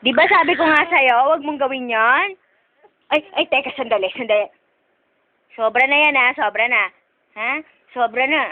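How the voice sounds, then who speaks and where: A woman's voice: high-pitched, normal speed, long pauses. A woman talking to her pet cat in coaxing baby talk, then scolding it in a mock-stern way, on a tinny home video. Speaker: pet owner.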